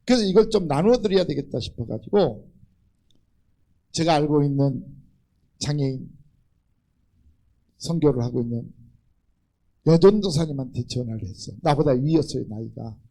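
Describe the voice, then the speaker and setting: A man's voice: a little high, expressive, moderate pace, long pauses, dark tone, poor audio. An older man preaching a Sunday sermon in a church as its pastor, talking animatedly and acting out the voices of the people he quotes. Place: church sanctuary.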